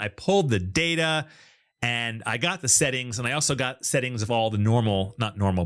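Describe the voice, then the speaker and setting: A man hosting a casual interview with a lively, bouncing delivery. He talks with obvious enthusiasm and chatty energy, his pitch moving a lot as he goes. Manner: enthusiastic, chatty, data-minded. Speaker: host.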